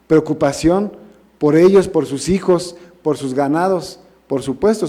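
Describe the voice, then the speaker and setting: A male minister with a Mexican Spanish accent delivers a sermon in an earnest, conversational way. His voice sits a little high for a man but sounds mellow and relaxed. He keeps asking his listeners questions.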